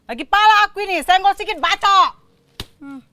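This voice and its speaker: A man's voice: very high voice, a little fast, sharp tone, heavily acted. A man voicing a hot-tempered, cursing village woman. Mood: irritable. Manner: scolding, cursing, blunt Medan-style speech.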